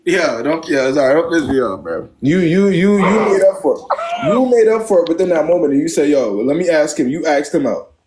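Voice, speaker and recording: A man's voice: on the high side, sing-song, a little fast, noisy background. A young American man hosting a casual live advice chat, blunt and slangy, repeating phrases for emphasis. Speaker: live stream host giving dating advice.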